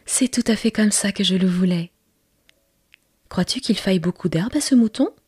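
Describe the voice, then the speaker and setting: A woman voicing a curious, earnest little boy prince from a tiny planet in whispered role-play, raising her voice higher into an eager childlike half-whisper. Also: moderate pace, a little mellow, slightly rough, dry recording, clean studio sound, faint music behind, close to an everyday voice.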